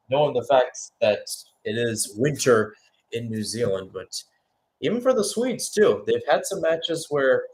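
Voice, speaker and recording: The audio quality is poor. A play-by-play commentator with a medium-pitched voice calls a football match live in radio style, weaving action calls together with conversational analysis and pausing now and then to hesitate or correct himself.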